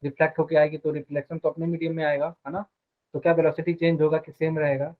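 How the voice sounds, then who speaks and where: Male physics teacher, slightly high voice, thin phone-like sound, asks a lot of questions. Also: level tone. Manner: explains step by step, quizzes students with quick questions. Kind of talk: live online class.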